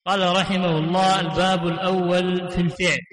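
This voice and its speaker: A man reading a classical grammar text aloud to his teacher in quick, short bursts. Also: high-pitched, level tone, fairly bright tone, big-room sound, poor audio. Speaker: student reader. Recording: recorded with crowd noise behind. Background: crowd noise.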